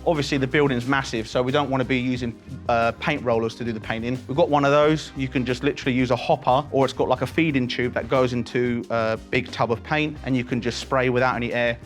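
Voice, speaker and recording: A man's voice: medium pitch, fairly even intonation, fast talker. Enthusiastic British man vlogging, music behind. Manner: enthusiastic, jokey, exclamatory. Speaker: vlog host. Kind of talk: casual building tour vlog. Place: large building under renovation, indoors.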